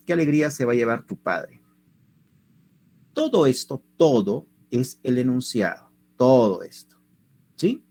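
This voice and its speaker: A man's voice: medium pitch, a little mellow. A man leads an online language class. His voice rises and falls a lot as he keeps asking his students rhetorical questions. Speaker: teacher.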